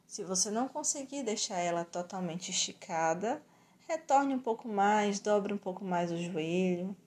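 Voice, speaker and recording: A woman with a Brazilian accent teaching yoga and relaxation in a calm, soothing, measured way with gentle pauses. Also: medium pitch. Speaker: yoga instructor. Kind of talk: guided yoga and relaxation instruction.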